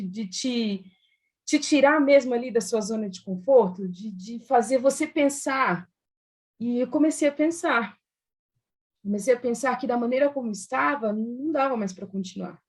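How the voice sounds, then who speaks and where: A woman from Brazil telling her personal faith story in an animated way, laughing often and using many fillers. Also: a little high, husky. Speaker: testimony guest.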